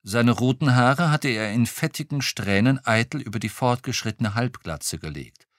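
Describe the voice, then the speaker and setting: A man reading a first-person crime novel aloud, telling it in a wry, lively way. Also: medium pitch, normal speed, no echo, clean studio sound. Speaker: audiobook reader.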